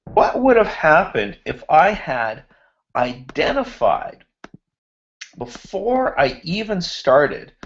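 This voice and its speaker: This finance teacher's voice is on the high side and sing-song, muffled through his computer mic on a video hangout. Losing his voice and clearing his throat, he works slowly through a shared spreadsheet example, thinking out loud while formatting cells.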